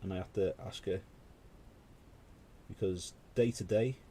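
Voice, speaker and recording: There's slight background noise as a British man with a low, warm voice hosts his paint-along stream at an unhurried pace. His chat while painting is rambling and conversational, full of asides.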